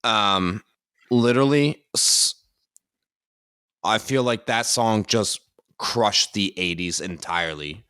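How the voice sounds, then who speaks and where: A man's voice: lowish voice, slow, long pauses, bright, forceful tone, clean tone, dry recording, studio quality. A man, a dancer and podcast co-host, chatting casually and thinking aloud with lots of fillers. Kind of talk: casual chat.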